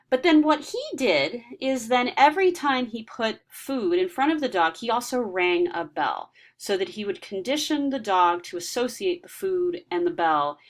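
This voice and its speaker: A woman's voice: mid-range voice, lively intonation, normal speed. A woman giving a recorded lecture, explaining ideas step by step with frequent ums and restarts.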